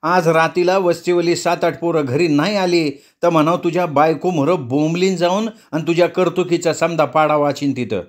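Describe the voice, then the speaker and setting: A man's voice: a little high, moderate pace, voice pushed up, lightly acted. A man voicing a fierce, fiery-tempered village woman who scolds and threatens in a storytelling reading. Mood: furious. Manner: scolding, threatening, sharp-tongued. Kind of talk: storytelling with acted voices.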